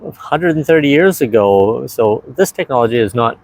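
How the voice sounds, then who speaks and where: A man's voice: medium pitch, animated, moderate pace, a little mellow, no echo. A man chatting casually in a museum who mostly agrees with short replies and repeats the other speaker's words. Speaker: co-host reacting. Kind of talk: casual chat. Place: indoor car museum hall.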